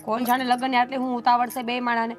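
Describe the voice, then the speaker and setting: A woman's voice: a little high, level tone, quick pace, soft background music, close to an everyday voice. An actress playing a young woman chiding her stubborn younger sister. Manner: chiding and pleading. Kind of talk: family drama acting.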